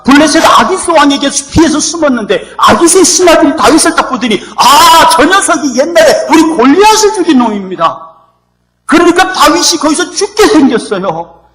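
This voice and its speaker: High-pitched, lively male pastor preaching. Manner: lively, emphatic and playful preaching. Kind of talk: sermon.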